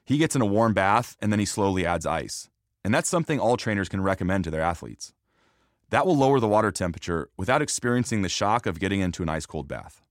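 Male podcast host for scripted narration, lively intonation, slightly low voice, close dry sound. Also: fast talker, no echo.

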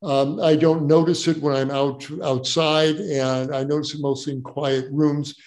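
Older doctor giving folksy advice. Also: male voice, on the high side, level tone, unhurried, darkish tone. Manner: folksy, joking, repeats words as he explains. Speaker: doctor answering audience questions. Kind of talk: casual Q&A advice.

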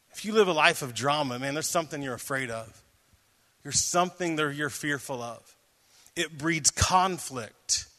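High, bright-voiced preaching pastor. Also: male voice. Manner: animated preaching, reads scripture aloud and jokes with the audience. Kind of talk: sermon. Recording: long hall reverb.

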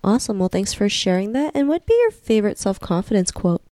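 Woman, podcast host, formulaic thanks and questions, mellow, dry. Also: medium pitch, lively intonation, fast talker, no room sound. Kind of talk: scripted interview host.

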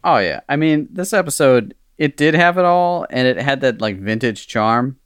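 A man hosting a podcast, talking in an animated, playful way. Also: medium pitch, normal speed, clean tone, dry recording, studio quality. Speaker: podcast host. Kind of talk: casual chat.

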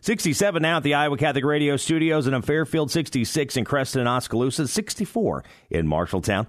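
A man's voice: a little high, lively intonation, dry recording, clean studio sound. A man giving a scripted radio weather forecast and event announcement. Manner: quick, scripted delivery. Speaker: weather reporter.

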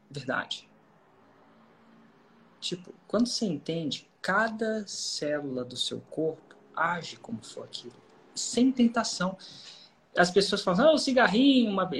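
Animated Brazilian storyteller. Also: medium pitch, slight background noise. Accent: Brazilian Portuguese. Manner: animated, acts out quoted dialogue, frequent "cara". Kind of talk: casual conversational storytelling.

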